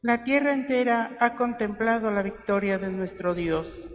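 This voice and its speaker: A lector proclaims the readings in a large church at a steady, formal pace. A long cathedral echo hangs after every sentence. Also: mid-range voice, measured pace. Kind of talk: liturgical reading. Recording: echoey church recording.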